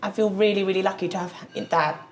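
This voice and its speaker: A woman's voice: medium pitch, fairly even intonation, fast, a little hiss or hum. A woman from Malaysia, a guest on a podcast, who talks eagerly about her home in a chatty way with many fillers. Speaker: guest restaurant owner. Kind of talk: casual interview chat. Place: restaurant.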